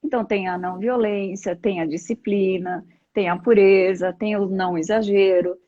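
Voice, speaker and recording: A warm, mid-range voice with fairly even intonation and a normal pace belongs to this middle-aged Brazilian woman, a yoga practitioner interviewed live. She talks conversationally and reflectively, offering examples, on a dry recording with dull, lo-fi stream quality.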